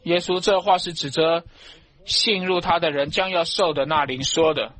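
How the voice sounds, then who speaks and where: A man preaching a fervent sermon to a congregation, emphatic, and at times rising into loud shouts of praise. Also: fairly high pitch, fairly even intonation, moderate pace.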